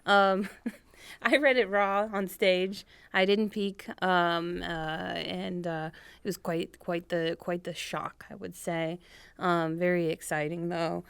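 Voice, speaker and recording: A young woman co-hosting a podcast with a lowish voice, chatting freely and laughing often. Her speech is loose and full of fillers. The sound is close and dry. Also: flat delivery, slow pace, vocal fry, fairly bright tone, clean tone, no room sound. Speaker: podcast co-host. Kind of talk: casual podcast chat.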